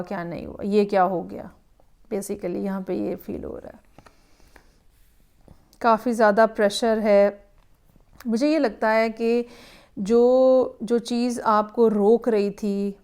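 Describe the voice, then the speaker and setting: Woman, tarot reader, weekly horoscope, musing, clear smooth voice, mid pitch. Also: darkish tone. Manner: musing, mixes English phrases into speech.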